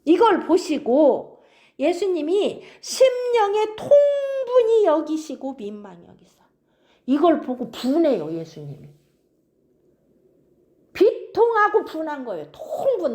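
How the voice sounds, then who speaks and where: A woman's voice: sits high, wildly swooping pitch, a little slow, mellow. A woman preaching an expository sermon, keeps prompting her listeners.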